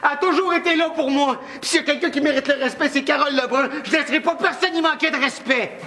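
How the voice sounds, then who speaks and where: An actor playing Steve, a nervous, hot-headed bachelor with a Québécois accent who often shouts. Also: male voice, very high voice, quick pace. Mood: outraged.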